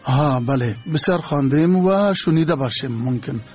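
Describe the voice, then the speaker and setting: A man's voice: mid-range voice, lively intonation, darkish tone, slightly rough, faint music behind. An older man, a poet speaking Dari with an Afghan accent, answers interview questions in a formal and reflective way. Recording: muffled radio broadcast.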